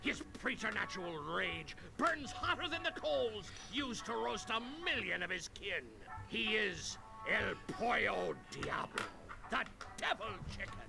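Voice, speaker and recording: An actor voicing a jolly, melodramatic pirate captain in a cartoon adventure game, with a stage pirate accent and a gravelly, grandiose delivery. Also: male voice, sits high, expressive, a little slow, heavily acted. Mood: ominous, dramatic. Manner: theatrical, grandiose, swooping exclamations. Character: jolly, melodramatic old pirate captain running a chicken restaurant. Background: music.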